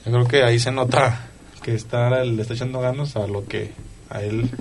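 A man's voice: medium pitch, fairly even intonation, normal speed, background noise. A man co-hosting a sports radio show, chatty and encouraging toward the guest. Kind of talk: radio interview.

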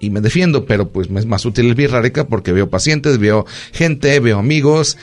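At a normal speed and medium pitch, a Mexican-accented doctor hosts a casual radio chat. He tells stories in an animated way, packing his talk with fillers.

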